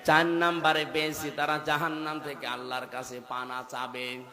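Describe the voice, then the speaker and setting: A man in his thirties preaching a sermon, dropping to low murmurs and rising to loud chanted peaks. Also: monotone, normal speed, crowd noise. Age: 30s. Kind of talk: Bengali waz sermon with chanted passages. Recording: echoey hall with long reverb.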